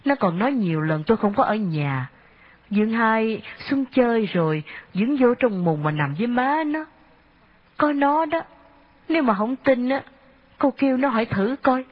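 Tearful humble man voiced by a woman reader, slow halting speech, sorrowful, muffled lo-fi sound. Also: on the high side, lively intonation. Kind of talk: audiobook character reading. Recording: dull lo-fi audio.

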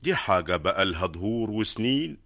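A low-voiced, solemn Egyptian court official. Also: male voice, sing-song, fairly quick, a bit bright. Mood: deferential, explaining. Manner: ceremonious, deferential. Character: solemn court official, cautious guardian of old tradition. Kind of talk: theatrical period radio drama acting.

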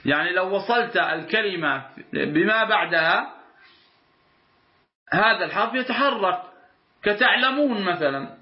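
High-voiced man teaching recitation, roomy sound. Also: lo-fi sound. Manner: asks the class "what?" and answers himself; drawls out the words he demonstrates. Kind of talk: explaining a recitation rule line by line.

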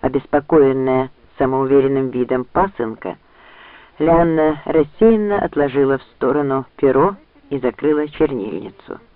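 A man narrating an audiobook in an expressive reading style. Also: medium pitch, moderate pace, dry recording. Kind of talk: scripted narration. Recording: dry, tinny phone-like sound.

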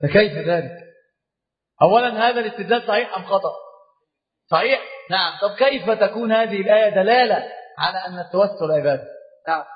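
A man's voice: high-pitched, fast, pauses often. A man with an Egyptian accent teaching a religious class, questioning his students and mixing formal Arabic with colloquial asides. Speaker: Islamic scholar teaching a class. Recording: reverberant hall, dull lo-fi sound.

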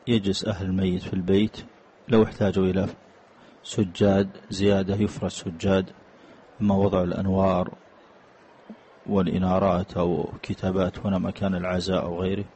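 Man, religious lesson, dark mellow tone, faint ambience behind, reads questions then answers deliberately. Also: deep voice, flat delivery, slight background noise, poor audio. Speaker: mosque teacher answering questions. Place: large mosque.

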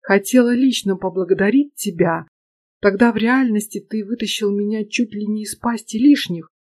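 A woman's voice: medium pitch, normal speed, darkish tone, natural voice. A woman voicing a cocky, brash young female student who teases in a sassy, slightly raised voice. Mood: teasing. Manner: teasing, sassy.

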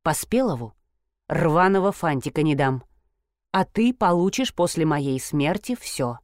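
A scornful, sharp-tongued older mother, as a woman reader puts her on, brushing things off with biting sarcasm. The reading is dry and close-miked, with no room sound. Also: low voice, lively intonation, unhurried, no room sound. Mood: dismissive. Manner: caustic, dismissive, scornful.

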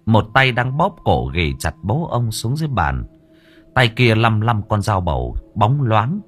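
A man narrating a horror story for an audiobook in an expressive, dramatic storytelling voice. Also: lowish voice.

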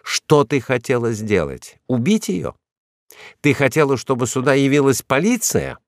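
A man voicing a stern, forceful wealthy husband who barks orders in a hoarse, commanding shout. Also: medium pitch, lively intonation, normal speed, dry recording, clean studio sound, voice pushed up. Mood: angry.

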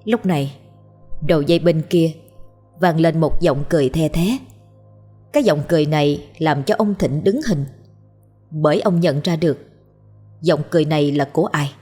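A woman narrating a horror story in a measured, suspenseful storytelling manner. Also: deep voice, warm tone, husky, faint music behind.

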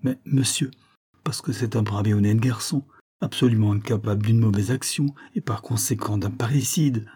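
A man's voice: fairly low pitch, normal speed, mellow, husky. A man reading aloud, voicing an anxious young woman who earnestly pleads for her fiancé. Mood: earnest pleading.

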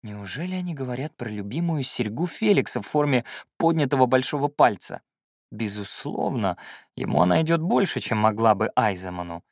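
A male audiobook narrator telling a first-person story with a lively, swooping delivery at a middle pitch. The sound is dry and close, with no room in it. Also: fairly quick, vocal fry, no room sound. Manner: expressive, storytelling.

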